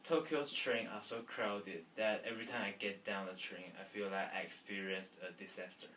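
A young man student talking in a small room, plain and slightly halting. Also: on the low side, fairly even intonation, very noisy. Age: young adult. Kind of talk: casual vlog talk. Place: small indoor room against a wall. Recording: roomy, distant from the mic.

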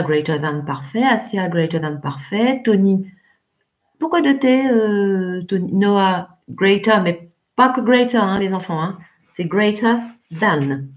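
A woman's voice: mid-range voice, lo-fi sound. A woman teaching English in a live online class, encouraging pupils and calling on them by name. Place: home, remote teaching.

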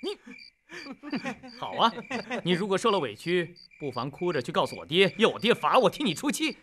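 An actor playing an arrogant, sneering rich young master who mocks and taunts in a dubbed martial-arts film. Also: male voice, high voice, sing-song, normal speed, a bit bright. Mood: mocking. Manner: mocking and taunting.

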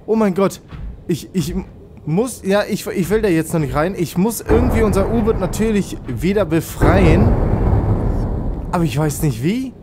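A man hosting a let's play, talking through the game as he goes. He gets excitable, yelps at close calls and pleads with his vehicle to cooperate. Faint game music plays behind him. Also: high-pitched, normal speed, background noise. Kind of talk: gameplay commentary.

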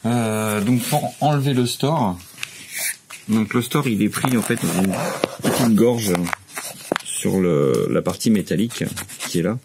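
A French man in his forties from France casually demonstrates a repair step by step in a large workshop, hesitating with many "euh" fillers and restarts. His voice is on the low side at a measured pace, with a noisy background.

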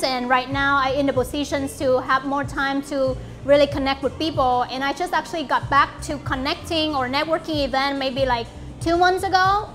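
Hosting a small gathering in a bright apartment lounge, this company founder from Vietnam, in her late twenties, addresses the group informally and earnestly. Her English is halting and full of fillers, shaped by a Vietnamese accent. She has a high voice with a fairly bright tone.

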